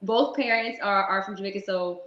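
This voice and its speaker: A woman in her thirties from South Florida, chatting as an interview guest in a lively way, laughing often and restarting her sentences. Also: medium pitch, brisk. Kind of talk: casual interview chat. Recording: echoey lo-fi room.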